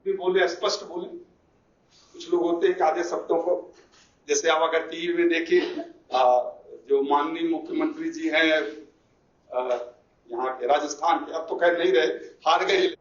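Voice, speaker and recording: A man lecturing trainee teachers, explaining points and slowly repeating key English phrases. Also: fairly high pitch, fairly even intonation. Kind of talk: classroom lecture. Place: classroom. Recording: echoey, distant, dull classroom recording.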